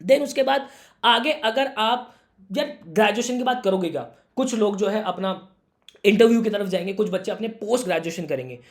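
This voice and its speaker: A young career guidance YouTuber with a high voice speaks briskly to camera, offering students earnest advice. A sore throat leaves him slightly hoarse, and his brotherly manner has him repeatedly calling the viewer "my brother."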